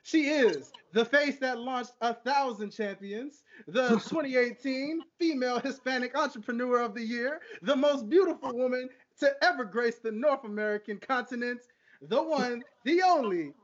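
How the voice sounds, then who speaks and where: High-pitched man hyping like a ringmaster. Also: highs cut off. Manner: showman-like ringmaster delivery, booming and drawn-out. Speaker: podcast host. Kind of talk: ringmaster-style show announcing, drawn-out hype introduction.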